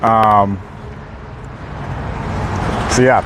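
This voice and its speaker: A young man chatting casually on a live stream outdoors on a city street, laid-back and quick to laugh as he reads out chat messages. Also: fairly low pitch, fairly even intonation. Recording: faint street noise outdoors.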